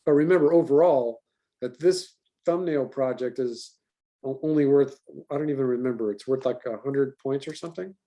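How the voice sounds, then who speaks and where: A man teaching an online animation class in an animated, talkative way. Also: medium pitch, normal speed.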